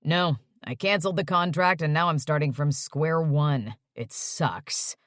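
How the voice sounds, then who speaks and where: A woman's voice: sits low, unhurried, no echo, studio quality. A woman voicing an uptight young man who answers curtly and mutters when annoyed. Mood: irritated. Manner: curt and muttering.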